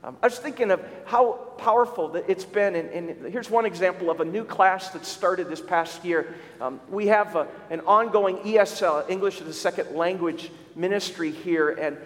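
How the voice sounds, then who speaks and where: High-voiced pastor in an echoing church. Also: male voice, moderate pace, a bit bright. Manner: conversational, frequent restarts and repeated words. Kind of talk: sermon with church updates. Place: church sanctuary. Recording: long church reverb.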